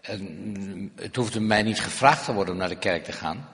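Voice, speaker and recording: Male live interpreter, lowish voice, hesitant restarts, long church-hall reverb. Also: normal speed, a bit bright.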